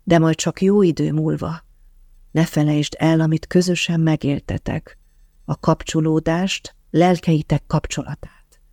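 A woman's voice: sits low, fairly even intonation, dark tone, no room sound, clean studio sound. Woman voicing a consoling male archangel. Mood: gentle, consoling.

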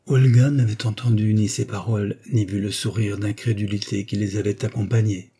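Male audiobook narrator, low and dark, steady measured delivery. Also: breathy edge. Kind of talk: scripted narration of a classic novel.

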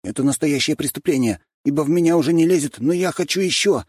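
A man's voice: a little high, fast talker, a little mellow, slightly rough, no echo, clean studio sound, voice pushed up. A man voicing an earnest, loyal young friend in an audiobook. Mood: eager.

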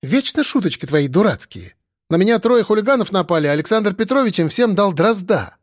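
A male narrator voicing a bold, caring young factory girl who coaxes and scolds briskly. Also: high voice, animated, no echo, studio quality, pitched above the performer's own voice. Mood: scolding. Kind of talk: audiobook character voice.

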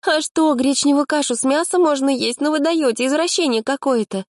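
A woman voicing a petulant, sharp-tongued young woman camper, whiny and indignant. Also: high voice, a little fast, no room sound, studio quality, pitched above the performer's own voice, natural voice.

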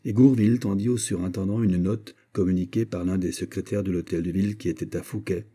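Low, dark-voiced male narrator. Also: fairly even intonation, brisk, breathy edge. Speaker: audiobook narrator. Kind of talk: scripted narration of a classic novel.

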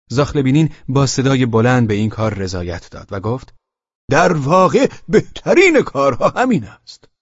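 Husky male audiobook narrator. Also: mid-range voice, no echo. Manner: measured, even storytelling. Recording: dull lo-fi sound, dry.

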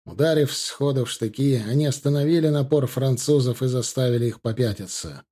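A man narrating a historical war novel as an audiobook, in a steady storytelling voice. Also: mid-range voice, a little fast.

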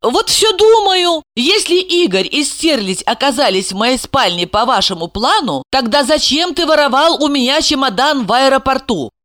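A woman's voice: high-pitched, animated, normal speed, fairly bright tone, dry recording, studio quality, voice pushed up. A woman doing a squealing naive young housewife. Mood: excited. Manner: squealing, childlike delight. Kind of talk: audiobook character reading.

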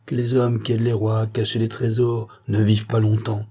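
A man's voice: lowish voice, monotone, a little fast, dark tone, natural voice. A man voicing a sick, bitter old male locksmith who grumbles with resentment. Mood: resentful.

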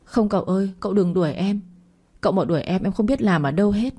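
A woman's voice: medium pitch, fast talker, mellow, breathy edge, lightly acted. A woman voicing a brash young housemaid. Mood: pleading. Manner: rude, then pleading. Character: young female maid, brash and defiant.

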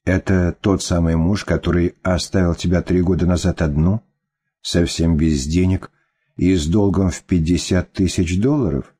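A confident, mocking new partner, read by a man. The voice is low and dark, with a husky grain. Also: fairly even intonation, normal speed. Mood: sarcastic.

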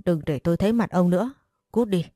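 A woman voicing a furious, wailing middle-aged mother who scolds and curses in a shrill way, read as an audiobook story. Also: fast talker, dark tone, no echo, studio quality, soft background music, lightly acted. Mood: scolding.

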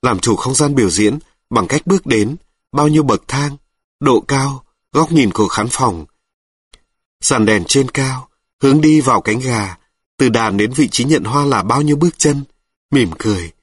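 A man reading reflective prose aloud in slow, measured scripted narration. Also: medium pitch, slightly rough, no echo. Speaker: reader of an audiobook.

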